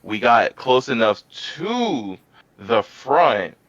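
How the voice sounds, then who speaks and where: A man co-hosting a casual podcast, telling stories in an animated, excitable way. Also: mid-range voice, extremely slow, no room sound. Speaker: podcast co-host. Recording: dull, dry, lo-fi sound.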